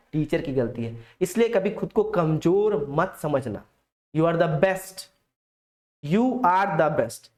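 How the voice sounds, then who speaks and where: Young male tutor, casual coaxing lecture style, keeps quizzing the class and supplying the answers. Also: high-pitched. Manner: asks questions aloud and answers them himself; coaxing, talks straight to the students. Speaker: accounts teacher.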